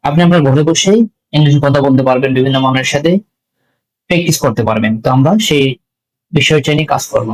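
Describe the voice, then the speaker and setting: A man with a Bangladeshi accent teaching a spoken English lesson, slowly repeating letters and sounds for learners. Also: mid-range voice, poor audio.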